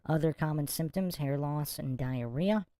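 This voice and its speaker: A woman with a low, dark-toned voice hosts a livestream exposé. Her delivery is smug and sarcastic as she comments and reads from documents. The sound is dry and close. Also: moderate pace, no room sound. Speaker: podcast host.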